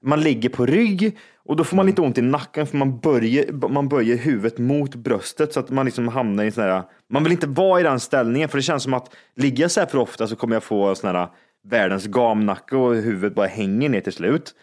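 A man in casual chat among friends, rambling and excitable, laughing often. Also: mid-range voice.

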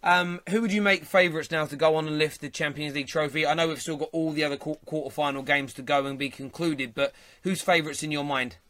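A man's voice: fairly high pitch, fairly even intonation, fast talker, few pauses, fairly bright tone. A man hosting a football phone-in, chatting casually and teasing callers. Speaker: radio phone-in host.

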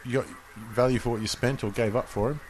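A man's voice: medium pitch, fairly even intonation, fast talker, a little hiss or hum, poor audio. A man with an Australian accent in casual football commentary chat on a podcast. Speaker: sports podcast host.

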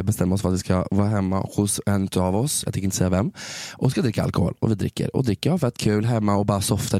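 Male co-host, relaxed slangy storyteller, dead dry sound. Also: fairly low pitch, no echo. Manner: laid-back and slangy, swears and mixes in English. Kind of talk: casual chat, telling a party story.

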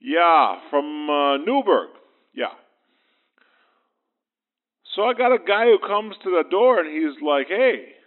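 A man leaving a rambling, halting voicemail over a landline phone, full of fillers. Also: on the high side, big pitch swings. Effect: heard over a landline phone. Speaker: phone-in caller. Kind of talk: voicemail message to a radio show. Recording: tinny phone line.

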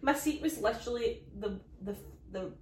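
A Scottish woman co-hosting a comedy podcast, teasing and chiming in with quick quips, recorded on a phone. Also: fairly high pitch, darkish tone, recorded from a distance. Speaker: podcast co-host. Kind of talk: casual comedic chat. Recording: echoey room, phone held off-mic.

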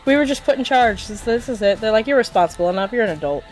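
Her fast, higher-pitched voice comes through poor audio with soft music in the background. A middle-aged American woman from eastern Pennsylvania, she appears as a podcast co-host or guest, recounting stories in casual talk and animatedly voicing people's quoted remarks.

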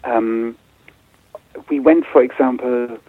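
A man raised in Germany, now a film director, takes interview questions slowly in a steady, mid-range voice. He hesitates throughout, full of ums and restarts. The audio has no echo but sounds tinny, as if over a phone.

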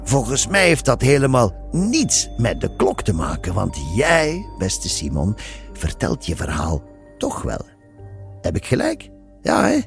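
A man's voice: lowish voice, huge pitch swings, measured pace, vocal fry, faint music behind, pitched above the performer's own voice, full character voice. A man playing a self-satisfied, arrogant lanky man who talks boastfully. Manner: boastful, triumphant quips.

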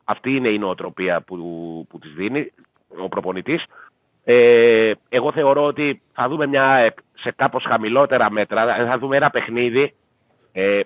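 A man breaks down a football match for a casual sports betting talk show, weighing each point with pauses and fillers. His voice comes over a tinny, phone-like line. The sound is dry and close. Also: medium pitch, no echo. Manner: measured, thinks aloud with fillers. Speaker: football analyst.

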